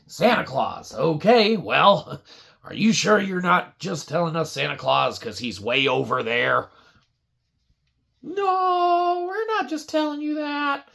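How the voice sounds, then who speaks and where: Making up a kids' puppet story on the spot, a woman chats casually with her viewers in a pretend-weary way. Her husky, gravelly voice is medium in pitch with a fairly bright tone.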